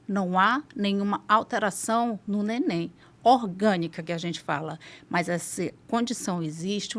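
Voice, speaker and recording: Brazilian woman specialist, mid-pitched, measured and explanatory, podcast guest. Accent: Brazilian Portuguese. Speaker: pediatric gastroenterologist guest. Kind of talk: podcast interview.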